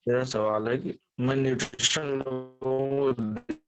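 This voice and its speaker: A man joining an online class by video call asks a question in halting phrases, and his audio keeps breaking up. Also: medium pitch, steady tone, a bit bright, soft background music. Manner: halting, cut off mid-sentence. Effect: choppy, breaking-up online call audio. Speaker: course participant asking a question. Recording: distant voice over a breaking-up call.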